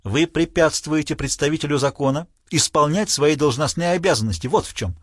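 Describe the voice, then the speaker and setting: A man doing a gruff, threatening police inspector. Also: on the high side, fairly quick, a bit bright, no room sound, clean studio sound. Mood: menacing. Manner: grumbling, menacing, blustering.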